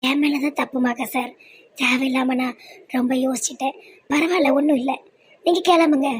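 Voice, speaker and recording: A woman with a Tirunelveli Tamil accent voicing a shy, lovestruck young woman doctor in a cartoon, soft and pleading. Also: high-pitched, fairly even intonation, brisk, slight background noise, lightly acted. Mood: hurt. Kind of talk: cartoon voice acting.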